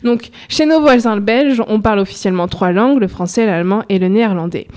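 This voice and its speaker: A woman presenting a poetry game on a radio show, playful and quick to laugh. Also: medium pitch, darkish tone. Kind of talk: radio chat and reading.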